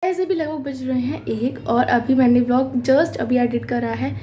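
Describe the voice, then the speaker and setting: Young female vlogger, high warm voice, chatty and rambling, sore throat, faint room hiss. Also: moderate pace. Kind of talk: casual home vlog chat. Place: family home, indoors.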